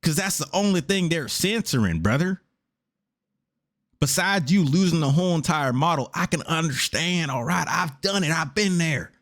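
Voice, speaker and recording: A man's voice: fairly high pitch, expressive, normal speed, fairly bright tone. A tired man reacting to a video on stream, talking in an exasperated, lecturing way and calling the other person "brother". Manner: exasperated, preachy, says "brother" a lot. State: tired after a long stream. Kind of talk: casual reaction commentary.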